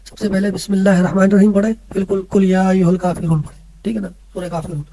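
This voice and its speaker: Husky high-voiced male religion teacher. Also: flat delivery, dark tone, poor audio. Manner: patient, keeps checking in with listeners. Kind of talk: explaining a lesson to children.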